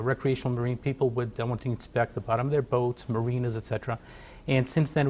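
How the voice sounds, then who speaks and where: A man's voice: mid-range voice, slight background noise. A middle-aged man from Portugal, a company founder, speaking in a TV business interview with many fillers and restarts. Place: TV studio.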